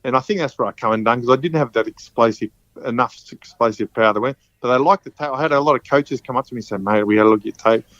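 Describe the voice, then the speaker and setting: A man's voice: medium pitch, quick pace, hardly any pauses, fairly bright tone, no echo. A man in his fifties with an Australian accent, a podcast guest telling stories casually, rambling and often repeating and restarting his words. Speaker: podcast guest, former rugby league player. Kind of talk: casual storytelling. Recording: dull, dry sound.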